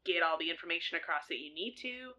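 A woman's voice: lowish voice, animated, fast talker, sharp tone. A woman in a casual gaming chat, talking loosely with many fillers. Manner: chatty, filler-heavy. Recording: dull lo-fi sound.

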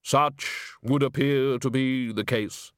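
A man voicing Death as a solemn, unhurried male figure with a deep bass voice and dry humor. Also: steady tone, clear, resonant tone, no echo, close to an everyday voice.

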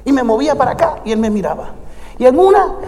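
A male pastor with an unusually high voice tells stories from the pulpit and builds them into fervent, shouted calls to the congregation. His words ring through a church sanctuary with a long reverb. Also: animated, fast, noisy background. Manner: fervent preaching that swells into shouted exhortation. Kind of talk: sermon with storytelling.

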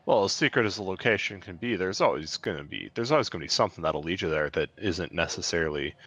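A man's voice: deep voice, animated, quick pace, fairly bright tone, muffled recording. A man playing his character at a tabletop game, talking casually and rambling with fillers. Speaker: player. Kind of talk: in-character tabletop role-play.

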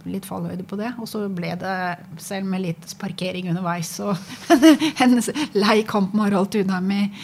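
A woman's voice: medium pitch, gravelly, a little mellow. Norwegian woman recalling past races. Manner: reflective, recalls memories with pauses and fillers. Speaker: guest, sled dog racer. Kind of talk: casual conversation.

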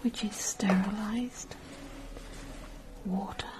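A woman whispering slowly and carefully through an ear-cleaning ASMR roleplay. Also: mid-range voice, steady tone. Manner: soft unvoiced whisper, slow and careful.

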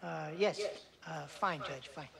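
A flustered, stammering lawyer. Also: male voice, fairly high pitch, slow, creaky, reverberant, full character voice. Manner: hesitant, stammering. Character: flustered, out-of-place young male lawyer. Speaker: defense lawyer. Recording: film clip with crowd murmur.

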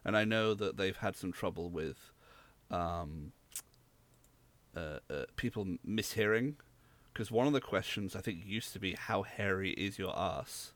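Unhurried and low-voiced, a young podcast co-host from the rural Southwest of England talks in a loose, casual way. His speech wanders and hesitates, and he tends to give long explanations.

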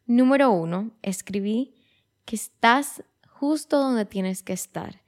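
A woman's voice: on the high side, expressive, slow pace. Chatty 23-year-old woman reflecting. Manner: chatty, restarts phrases, drops in English words. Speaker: podcast host. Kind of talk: casual reflective monologue.

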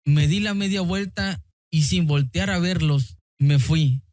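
A man's voice: fairly high pitch, measured pace, darkish tone, no echo, clean studio sound. A man with a Mexican accent narrating a personal story in the first person, earnest and emotional.

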